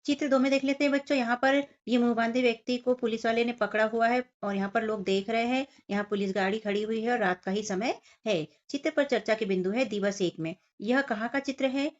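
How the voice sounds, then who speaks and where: A woman's voice: a little high, brisk, hardly any pauses. Woman teacher, slightly dull recording. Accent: Hindi. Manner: explains step by step, addressing children directly. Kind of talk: workbook lesson for young children. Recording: dull lo-fi sound.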